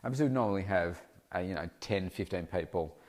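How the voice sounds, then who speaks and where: Talking a little fast in a darkish, somewhat low voice, the middle-aged coach runs his weight loss podcast alone. Hay fever gives him a touch of nasality, and he rambles casually, frequently correcting himself partway through sentences.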